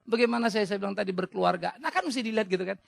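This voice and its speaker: A male pastor preaching an emphatic, rhetorical sermon with sudden rises in pitch. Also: expressive, very fast, gravelly, dry recording.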